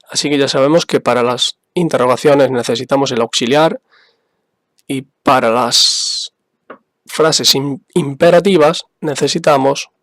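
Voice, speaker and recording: Guy teaching english basics real slow, patient, repeats stuff, dry close sound. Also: medium pitch, a bit bright, dry recording. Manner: patient, spells out examples and repeats them. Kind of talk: slow, careful explanation for beginners.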